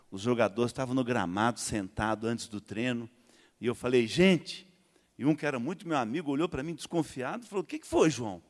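A man with a Brazilian Portuguese accent gives his testimony to a church crowd. He talks at a slightly raised pitch and tells the story in an animated way, acting out each exchange. His voice carries a long hall reverb. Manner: animated storytelling, acts out dialogue. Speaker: testimony speaker.

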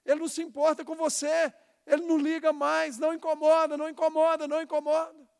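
A preacher voicing a taunting devil. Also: male voice, very high-pitched, monotone, quick pace, gravelly, darkish tone, big-room sound, voice pushed up. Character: taunting devil, the enemy of dreams.

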